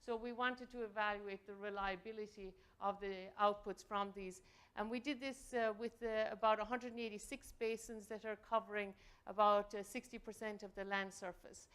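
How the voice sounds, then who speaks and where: A woman's voice: mid-range voice, fairly even intonation, normal speed, a bit bright, clean tone. A middle-aged woman giving an academic presentation, talking hesitantly with many fillers. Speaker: invited speaker.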